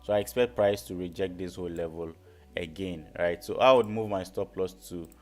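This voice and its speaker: With a deep voice, fairly even intonation and a brisk pace, a Ghanaian man leads a live forex trading lesson over soft background music. As educator and stream host he covers market analysis, repeating his phrases and frequently checking in with listeners.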